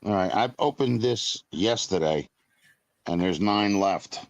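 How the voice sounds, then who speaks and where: A man's voice: on the low side, measured pace, no room sound, dull audio. A man in his fifties chatting casually on a live stream, talking in a rambling, blunt way with some mild cursing. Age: 50s.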